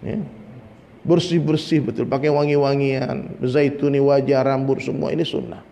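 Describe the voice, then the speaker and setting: A man's voice: medium pitch, level tone, normal speed, creaky, mellow. A man preaching a dawn sermon in a conversational way, often addressing listeners directly, joking and mimicking people. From Minangkabau, West Sumatra. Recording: faint noise, long hall reverb.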